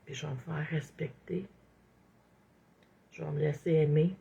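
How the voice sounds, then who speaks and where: A woman with a Québécois French accent speaking casually as an inspirational speaker, expressive and acting out her inner thoughts, with many asides like "hein". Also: deep voice, unhurried, creaky, slightly rough, dull audio. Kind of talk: casual motivational monologue.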